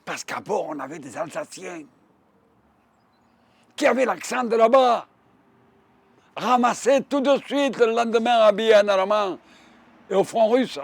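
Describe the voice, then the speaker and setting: A man's voice: high-pitched, lively intonation, a little slow, vocal fry, pauses often. A man in his nineties with a Marseille accent, telling his wartime memories vividly, with frequent repetitions. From Provence, France. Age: 90s. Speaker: war veteran witness. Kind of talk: oral history testimony.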